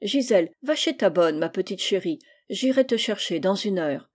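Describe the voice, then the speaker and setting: A woman voicing a gentle, doting mother in a storybook reading, tender and indulgent. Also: mid-range voice, expressive, normal speed, lightly acted.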